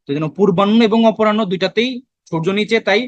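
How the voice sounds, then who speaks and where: A man's voice: sits high, very fast, dry recording, dull audio. A young man from Bangladesh teaching an admission-test spelling lesson, talking conversationally, putting questions to the students and answering them himself. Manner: conversational, asks students questions then answers them, mixes in English words. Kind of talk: online lesson explaining spelling.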